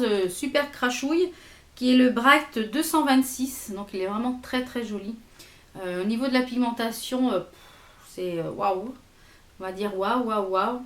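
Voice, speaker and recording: This beauty vlogger's voice runs a little high and echoes off the room around her. Chatty and hesitant, with plenty of fillers, she walks through her makeup haul while swatching each product on her arm.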